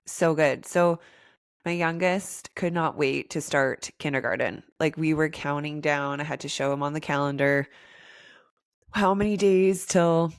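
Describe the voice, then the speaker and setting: A woman in her thirties co-hosting a podcast, chatting casually in a raspy, hoarse voice from a head cold. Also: low-pitched, a little slow, no echo, clean studio sound. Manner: chatty, upbeat, rambling. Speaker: podcast co-host. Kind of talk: casual chat.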